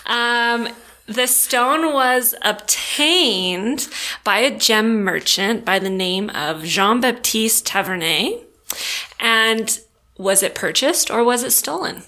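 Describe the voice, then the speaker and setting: A woman co-hosting a podcast in casual chat, her voice hoarse, telling stories with a laugh. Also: a little high, lively intonation, takes it slowly, sharp tone. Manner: laughing, chatty storytelling. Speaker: podcast co-host. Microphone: studio mic with pop filter.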